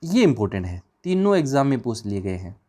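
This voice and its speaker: A man's voice: mid-range voice, sing-song, brisk, mellow. A man teaching an exam revision class, firing questions at the students and answering them himself in a chatty, informal way.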